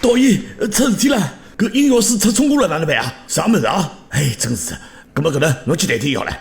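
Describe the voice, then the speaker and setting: Guy doing a worked up shanghai accent comedy character, high voice, super fast, exasperated, noisy audio. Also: vocal fry. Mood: flustered, bossy. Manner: animated, exclamatory, complaining. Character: flustered, exasperated men in a farcical police-and-robber sketch. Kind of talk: exaggerated comic sketch dubbing in Shanghai dialect.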